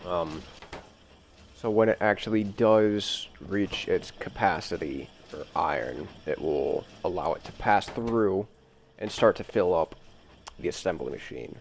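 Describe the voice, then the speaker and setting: Gravelly, slow-talking man, morning-groggy. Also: expressive, a little hiss or hum. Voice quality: deep, gravelly voice. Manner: rambling, talks to the game's machines as he builds. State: groggy from early morning recording. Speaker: gameplay video host. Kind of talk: casual gameplay commentary.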